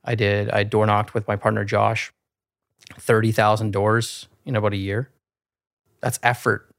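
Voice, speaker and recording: A man in his thirties speaks in a low, smooth and resonant voice, recorded close and dry. He talks earnestly and reflectively on a casual podcast, padding his thoughts with fillers. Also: flat delivery, unhurried, fairly bright tone, dry recording. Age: 30s. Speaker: guest realtor.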